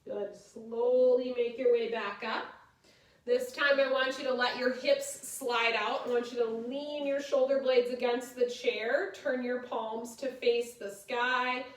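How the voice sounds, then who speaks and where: A woman's voice: on the high side, fairly even intonation, measured pace. A woman yoga instructor guiding a chair class, giving short step-by-step cues. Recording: echoey room, distant microphone.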